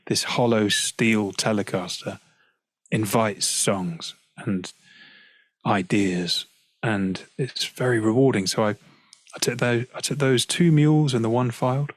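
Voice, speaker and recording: A man with a British accent, a guest singer-songwriter chatting casually in an interview from home, relaxed and quick to laugh. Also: on the low side, no echo. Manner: relaxed, chatty, laughs easily, frequent "you know". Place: at home practicing, on a call.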